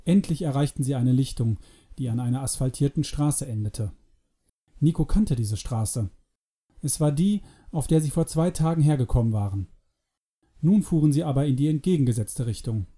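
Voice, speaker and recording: A man narrating an adventure story in a calm, measured audiobook reading. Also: mid-range voice, breathy edge.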